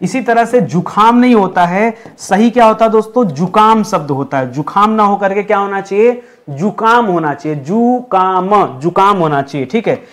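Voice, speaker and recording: A man's voice: sits high, a bit bright. A man teaching a Hindi spelling lesson, calling the viewers friends and asking the class what each correct word is. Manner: repeats questions to the class, addresses viewers as friends; drills each word slowly, syllable by syllable.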